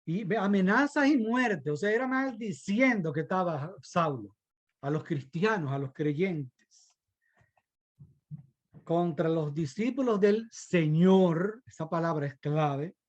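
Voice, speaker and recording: A man's voice: high-pitched, slow pace, muffled recording. A man preaching a sermon, fervent and given to rhetorical asides, sometimes stumbling and restarting mid-phrase.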